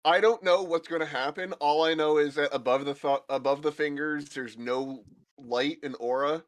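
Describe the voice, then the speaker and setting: A man's voice: on the high side, fairly even intonation. A man playing a tabletop game with friends, teasing and arguing his point. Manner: teasing, quick to argue. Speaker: player. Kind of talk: casual chat at a tabletop game.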